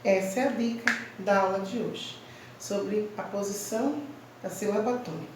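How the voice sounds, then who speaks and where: A woman's voice: medium pitch, fairly even intonation, far from the mic, background noise. Teacher woman in a very echoey room. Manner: slow, clear, emphatic teacherly delivery, stressing syllables. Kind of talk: online Portuguese grammar lesson for children.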